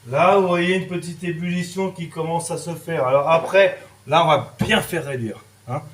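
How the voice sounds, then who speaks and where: French guy teaching a recipe, kinda high voice, chatty, roomy kitchen echo. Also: moderate pace. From France. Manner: chatty, lots of "hein" and "voilà", sound effects. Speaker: cooking teacher. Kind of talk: casual cooking demonstration. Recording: echoey kitchen, sizzling pan. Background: frying and sizzling.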